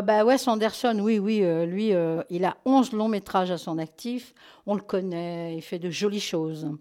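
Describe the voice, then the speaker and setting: A woman with a somewhat high voice hosts a relaxed chat. She talks in a friendly, familiar way, with plenty of fillers, restarts and quick corrections. She addresses her listeners warmly as she goes. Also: vocal fry. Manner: chatty, full of fillers and self-corrections; affectionate toward listeners. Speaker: host presenting film releases. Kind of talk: casual radio-style chat.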